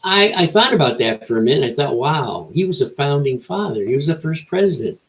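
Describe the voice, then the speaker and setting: A man's voice: a little high, big pitch swings, fairly quick, rough recording. An older man delivering a rambling opinion monologue as an old man's folksy rant, with rhetorical questions and short emphatic phrases. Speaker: show host.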